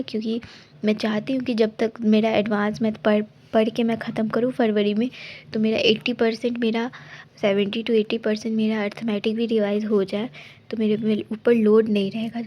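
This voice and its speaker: A woman's voice: fairly high pitch, flat delivery, normal speed, dark tone. A young woman in a casual study vlog, explaining her exam study plan in a rambling way with many restarts and advising her viewers directly. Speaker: exam aspirant vlogger.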